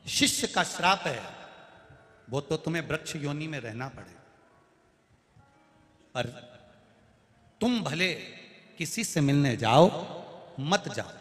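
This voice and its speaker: A benevolent male god granting boons, solemn and declaiming, as a preacher voices him. His speech swells loud and then falls soft, in a bright, forceful tone. It rings through a long, roomy hall reverb. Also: a little high, lively intonation, slow pace, long pauses, soft background music.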